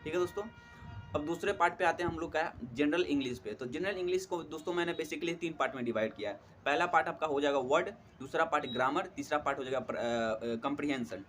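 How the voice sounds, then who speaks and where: Young guy w chatting exam tips, bit high voice, lots of "um"s, slight hiss behind. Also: quick pace, a bit bright. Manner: friendly, repeats "theek hai doston", many fillers. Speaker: exam prep tutor. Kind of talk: casual study advice talk.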